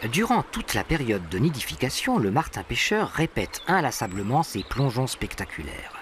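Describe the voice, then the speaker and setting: Guy narrating a nature doc, scripted, pretty animated pitch, birds and animal noises in the back. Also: moderate pace, noisy background. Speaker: documentary narrator. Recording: animal and bird sounds behind. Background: birdsong and natural ambience.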